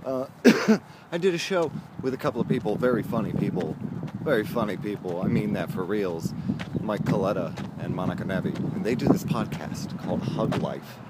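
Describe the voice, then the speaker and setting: A man's voice: lowish voice, animated, normal speed, heavy background noise. A man vlogging outdoors by a road, talking to the camera in a rambling, intense, self-deprecating way. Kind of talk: casual vlog talk to camera.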